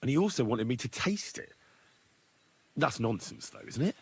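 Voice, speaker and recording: A man's voice: medium pitch, big pitch swings, moderate pace, vocal fry, a little mellow, husky, exaggerated voice. An actor voicing a plain-spoken young medieval swordsman with a dry manner in game dialogue.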